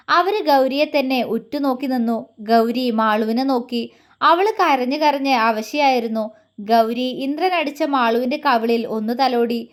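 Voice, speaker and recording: A woman with a high voice narrates a dramatic romantic story. Her reading is emotive and expressive, keeping the scenes flowing as a storyteller.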